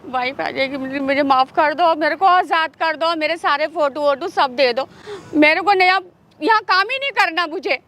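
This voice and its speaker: A woman's voice: sits high, normal speed, a bit bright. An actress playing a frightened maid who pleads with her employer to let her go. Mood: begging. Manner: pleading, repeats "no, master". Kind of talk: Hindi short-film acting.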